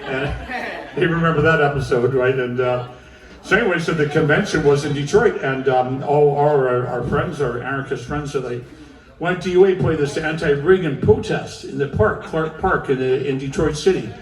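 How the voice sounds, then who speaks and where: A man's voice: on the high side, normal speed. Rambling, swearing man telling stories on stage. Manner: rambling and profane, with asides and "right?" tags. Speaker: musician performing live. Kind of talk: onstage storytelling between songs. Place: music club stage. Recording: roomy live club audio, from far off.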